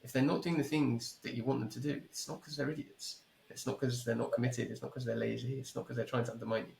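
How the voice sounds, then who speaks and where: A man speaking as a podcast guest over a remote call, telling an anecdote in a lively, casual way and acting out both sides of the conversation. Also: mid-range voice, fast, vocal fry, echoey room, a little hiss or hum. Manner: animated, repeats himself, acts out both sides of conversations. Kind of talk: casual storytelling. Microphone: headphones with mic, remote call.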